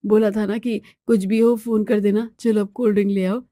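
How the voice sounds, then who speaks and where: A woman's voice: medium pitch, flat delivery, a little fast, warm tone, dry recording, clean studio sound, lightly acted. A woman voicing a weary, henpecked young husband in a storybook tale, grumbling and pleading.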